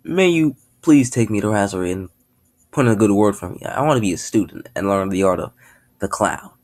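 A man's voice: on the low side, expressive, fairly quick, darkish tone. A man voicing a polite, earnest young man who wants to become a clown, in a storybook reading. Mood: pleading.

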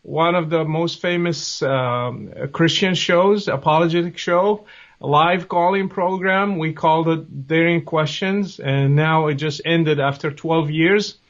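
Speaking a little slowly in a fairly high voice, this guest is a man in his forties from Morocco. Over a webcam video call from a home office, he answers interview questions in a friendly, hesitant way with many fillers, and the audio is dull lo-fi.

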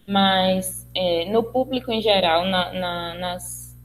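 A woman's voice: on the low side, slow, low-quality recording. A Brazilian woman with a Brazilian Portuguese accent giving a webinar lecture, explaining step by step with fillers and restarts. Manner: explanatory, with many fillers and restarts, acting out example phrases. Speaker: speech therapist lecturer.

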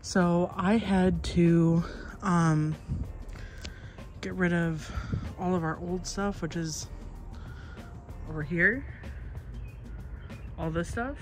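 A woman around her thirties talking in a casual, halting, informal way, as a vlogger. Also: fairly low pitch, music in the background. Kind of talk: casual vlog chat.

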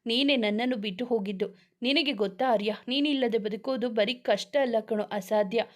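A woman's voice: a little high, fairly quick, natural voice. A woman reading the lines of an emotional young woman in love in a romance story, speaking in a heartfelt way. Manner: heartfelt, tearful pleading.

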